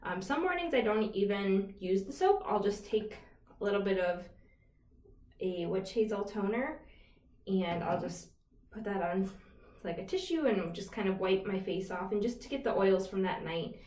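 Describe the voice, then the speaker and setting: A woman's voice: medium pitch, animated, normal speed, darkish tone. A woman vlogger chatting casually about her skincare routine, rambling with fillers and asides. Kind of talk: casual chat to camera. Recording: roomy echo, a little far from the mic.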